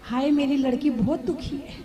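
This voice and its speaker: A woman's voice: high voice, normal speed, crowd noise, close to an everyday voice. A woman voicing a worried mother lamenting over her unhappy daughter in a sermon.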